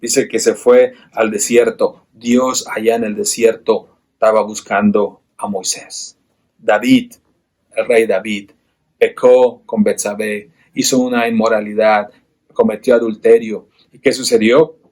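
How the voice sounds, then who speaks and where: A man's voice: lowish voice, level tone, unhurried, a little mellow. A man teaching a church Bible class, earnest and full of rhetorical questions to his listeners, often restarting and repeating words.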